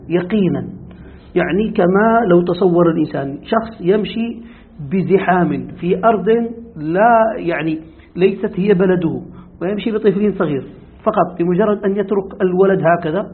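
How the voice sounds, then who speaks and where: A man, a sheikh, teaching Quran commentary and explaining points to his students. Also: high voice. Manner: explains and adds points, ending with a confirming word. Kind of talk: explanatory religious lesson. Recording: tinny phone-like lo-fi audio.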